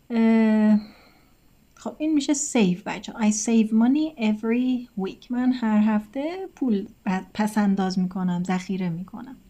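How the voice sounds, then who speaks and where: A woman with a Persian accent, teaching English vocabulary in a casual lesson. She goes slowly and carefully and reads the English examples word by word. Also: medium pitch, dark tone, lo-fi sound. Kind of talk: casual lesson talk, translating words one by one.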